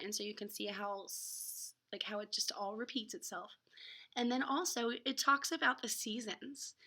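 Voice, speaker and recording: Here a woman of medium pitch and sharp tone performs a children's picture book aloud. Expect gasps, exclamations and heavy dramatic emphasis, broken up by relaxed, conversational side comments.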